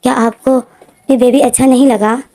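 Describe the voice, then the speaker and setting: Woman voicing a young man, emotional and protective, pitched high and mellow, pleading lines. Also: steady tone, normal speed. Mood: possessive.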